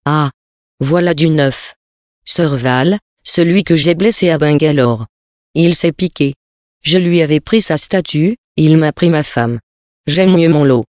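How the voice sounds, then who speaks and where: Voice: medium pitch, unhurried, a little mellow, no room sound, natural voice. A reader voicing a brash, ironic adventurer in a French storybook reading, in a plain everyday voice, recorded dry. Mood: jaunty, ironic. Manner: bold, ironic, hearty. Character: brash, jaunty man, an adventurer.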